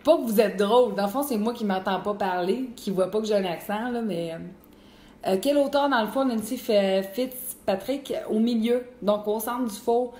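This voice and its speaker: A woman's voice: medium pitch, normal speed. A young woman with a Québécois accent hosting a live cooking stream, chatting casually and answering viewers. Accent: Québécois French. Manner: chatty and animated, full of fillers. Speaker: cooking show host. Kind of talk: live-stream cooking chat reading comments. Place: home kitchen. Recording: echoey room with faint noise.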